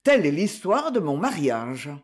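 A man voicing a slight, calm husband who tells a grim story in a light, coolly ironic tone, read as an audiobook. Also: fairly high pitch, moderate pace. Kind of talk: audiobook reading.

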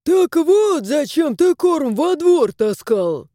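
A woman's voice: sits high, sing-song, slow pace, mellow, no echo, clean studio sound, pitched above the performer's own voice, exaggerated voice. A woman voicing a mischievous male house spirit in a storybook reading, teasing and playful.

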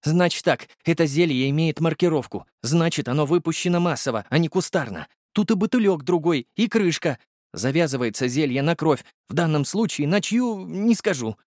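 A man's voice: fairly high pitch, animated, normal speed, a little mellow, no room sound, clean studio sound, pitched above the performer's own voice, lightly acted. A man voicing an absorbed young male potion maker explaining his findings. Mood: thoughtful. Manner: musing, expert explaining.

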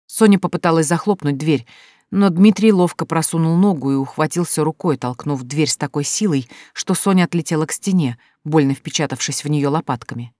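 An audiobook narrator reading a novel chapter in a steady, even manner. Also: medium pitch, fairly quick, dry recording, studio quality. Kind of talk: scripted narration.

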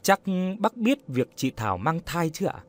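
A man voicing a polite, gently probing young woman. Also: a little high, wildly swooping pitch, moderate pace.

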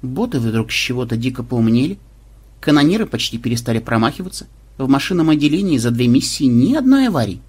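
A man voicing a sharp-tongued young woman officer on a space cruiser, grumbling and quick to alarm. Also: mid-range voice, big pitch swings, slightly rough. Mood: gloomy.

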